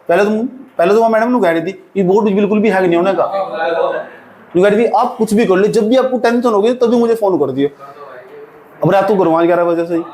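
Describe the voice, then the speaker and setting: A man with an Indian accent teaching a physics class, lively and teasing, often asking his students questions. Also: high-pitched, echoey room, a little hiss or hum. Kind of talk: classroom lecture.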